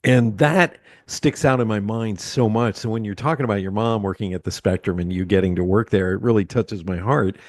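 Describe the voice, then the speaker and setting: A man's voice: fairly low pitch, fairly quick, few pauses, no echo. A man in his sixties from Pennsylvania hosts a casual interview, rambling with lots of ums and uhs. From Pennsylvania, USA. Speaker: podcast host.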